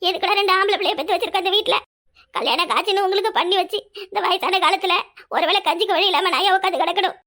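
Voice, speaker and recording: A woman voicing a sharp-tongued elderly village mother-in-law in a cartoon, nagging with a Kanyakumari Tamil accent. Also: very high-pitched, fast. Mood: complaining. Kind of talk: cartoon voice acting.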